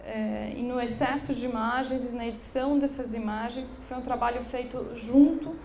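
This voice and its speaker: In an echoey room of an occupied building, with faint background noise, a woman from São lectures publicly as a curator. Her voice is fairly high, steady and darkish at a normal pace, and her delivery is hesitant, full of fillers and restarts.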